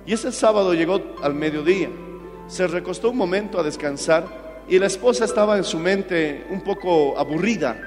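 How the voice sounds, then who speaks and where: A male pastor preaches with a fairly high voice, shifting into dramatic storytelling and acting out the people in his stories. His voice rings through a reverberant church hall over soft background music. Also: normal speed. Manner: dramatic storytelling, acting out quotes, calls listeners "my brother". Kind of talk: sermon.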